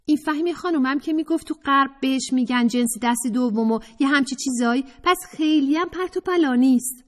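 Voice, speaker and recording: Woman doing a high squeaky sarcastic girl, teasing, dodging everything, audiobook voice. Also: lightly acted. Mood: dismissive. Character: mocking, evasive young woman classmate. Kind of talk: audiobook character voice.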